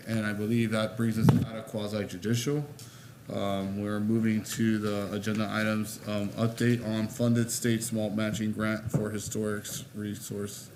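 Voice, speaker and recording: Man, board chair, low voice, relaxed, joking, council chamber, noisy recording. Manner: relaxed, jokes between procedure. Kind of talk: chairing a public meeting. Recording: noisy meeting room audio.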